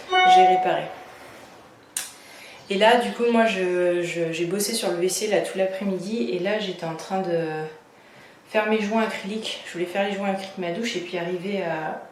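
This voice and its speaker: A woman's voice: lowish voice, fairly even intonation, a little fast, background noise. A woman renovating her own bathroom talks casually to the camera, venting her annoyance with lots of fillers and restarts. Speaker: DIY renovation vlogger. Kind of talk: casual vlog talk. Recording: echoey room.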